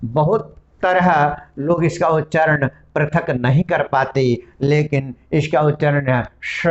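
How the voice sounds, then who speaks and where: A man with a voice on the high side teaches a classroom-style Sanskrit grammar lesson, explaining and spelling out each sound one at a time. The highs in the recording are cut off.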